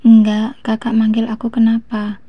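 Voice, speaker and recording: A woman's voice: on the high side, monotone, normal speed, husky, dry recording, dull audio. A woman voicing a sullen, bitter young servant woman who answers curtly in a storybook reading. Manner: curt, sullen.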